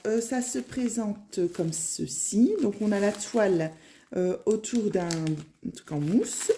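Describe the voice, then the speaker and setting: A woman's voice: medium pitch, dark tone, a little hiss or hum. A middle-aged woman with a northern French ch'ti accent chatting casually through a crafting unboxing, rambling with lots of fillers. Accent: Picard (ch'ti, northern French). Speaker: crafting vlogger.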